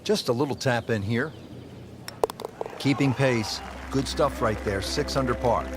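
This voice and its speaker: A man's voice: medium pitch, unhurried, over loud music, lightly acted. A man playing an upbeat TV golf announcer, giving play-by-play commentary for a video game. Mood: upbeat, measured.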